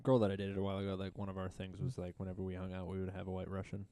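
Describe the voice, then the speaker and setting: Brief: male podcast co-host, quick crude jokes, low-ish voice, dry close mic. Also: monotone, dark tone, clear, resonant tone, dry recording. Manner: joking, teasing, crude. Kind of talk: casual chat among friends.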